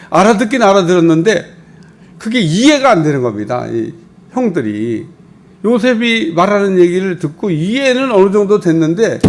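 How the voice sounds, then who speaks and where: A man's voice: a little high, a little hiss or hum. A middle-aged male pastor preaching an early-morning sermon in a colloquial way, acting out the voices he quotes.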